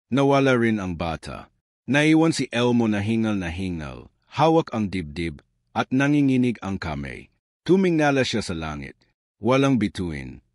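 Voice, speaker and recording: A man's voice: low voice, no room sound, clean studio sound. A man narrating a scripted horror story in a dramatic, suspenseful manner.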